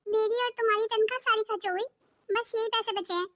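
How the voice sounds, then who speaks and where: A woman's voice: very high voice, steady tone, fast, a bit bright. A woman voicing a thrifty elder daughter-in-law in a cartoon, speaking in a sensible, matter-of-fact way. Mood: calm.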